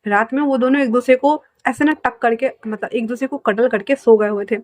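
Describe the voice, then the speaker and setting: A woman narrates fan fiction in a relaxed, chatty way. Her voice sits high for a woman. The sound is dry and close, with no room echo. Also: brisk. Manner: casual, conversational narration. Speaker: storyteller. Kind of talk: reading fan fiction aloud.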